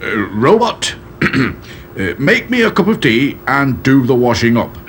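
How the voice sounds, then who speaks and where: A wary middle-aged factory boss voiced by a man in a children's storybook. He speaks haltingly, hesitating and clearing his throat before he commits. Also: medium pitch, big pitch swings, a bit bright, slight background noise, voice pushed up.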